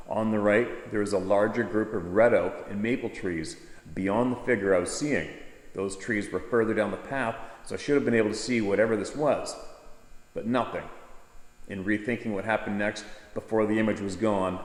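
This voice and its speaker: A man hosting an informal storytelling show, reading a listener's account aloud and commenting on it. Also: lowish voice. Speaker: host of a Bigfoot sightings show. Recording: echoey room with long reverb.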